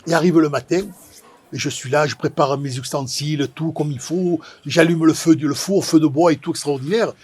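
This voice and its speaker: A man with a Marseille accent from the south of France, telling a personal story in a dramatic, animated way and repeating phrases for effect. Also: a little high, fairly quick, husky. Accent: Marseille, southern French. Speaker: pizza maker telling his life story.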